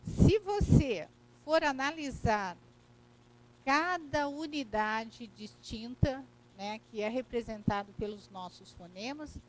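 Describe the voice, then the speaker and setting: Slow, high-voiced Brazilian woman teaching. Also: low-quality recording. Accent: Brazilian Portuguese. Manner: explains slowly with frequent checks like "né?" and "correto?". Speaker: grammar teacher. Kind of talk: recorded online lesson.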